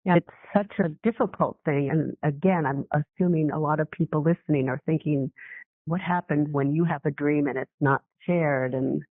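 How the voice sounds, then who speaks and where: A woman's voice: deep voice, moderate pace, no room sound. A woman hosting a radio interview, asking thoughtful, empathetic questions. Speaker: radio show host. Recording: dry, phone-like line.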